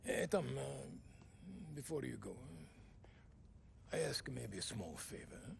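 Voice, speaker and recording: A man's voice: mid-range voice, sing-song, slow pace, creaky, slight background noise, heavily acted. An actor playing a middle-aged Italian bar owner, fatherly and hesitant, with an Italian accent. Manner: hesitant, full of uhs, fatherly. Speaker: bar owner in a mob story. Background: game music.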